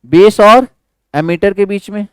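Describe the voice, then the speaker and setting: A man gives an electronics lecture in a high, smooth voice. He keeps asking the class questions and answering them himself, switching into English for the technical words. The recording is close and dry. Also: unhurried, dry recording. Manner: quizzes students with repeated questions; mixes English terms into Hindi. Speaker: electronics teacher.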